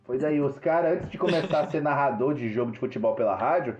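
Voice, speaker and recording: A man's voice: mid-range voice, fast talker, a little mellow. A man with a São Paulo accent chatting on a podcast, slangy and emphatic, recorded in a roomy space with a muffled sound. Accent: São Paulo Portuguese. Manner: slangy and emphatic, laughs along. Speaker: podcast co-host, actor. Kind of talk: casual chat.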